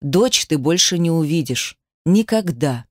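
A contemptuous husband, as a woman reader puts him on, speaks in a low, hissing, menacing undertone. The voice is cold and controlling, recorded close and dry in an audiobook. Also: animated, a little slow, no echo. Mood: cold threat. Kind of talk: audiobook character voice.

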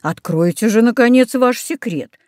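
A stern father who scolds his son in clipped, firm lines, as a woman reads him aloud. The voice sits fairly high and sounds close and dry. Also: expressive, normal speed, darkish tone, dry recording, close to an everyday voice. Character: stern strict father, middle-aged man.

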